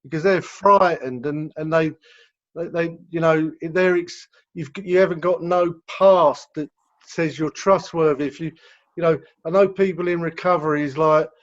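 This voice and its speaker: A man's voice: a little high, fairly even intonation, moderate pace. A man with an English accent answering questions as a rehab director on a video call, explaining at length and repeating words as he goes. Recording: dull lo-fi video call audio.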